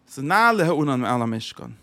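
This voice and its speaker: A man's voice: mid-range voice, very animated, fast talker, a bit bright. A man giving a religious lesson who asks rhetorical questions and repeats his phrases. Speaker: Torah teacher.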